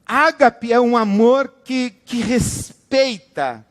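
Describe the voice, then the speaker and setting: A man preaching a sermon with animated, dramatic delivery, acting out the people he quotes. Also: very high voice, slow pace, big-room sound. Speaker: pastor.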